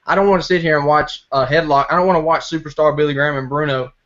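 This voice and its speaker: A man's voice: a little high, fairly even intonation, fast, fairly bright tone, slight background noise. A young man appearing as a podcast guest, outspoken and brash in casual chat. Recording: dull lo-fi sound.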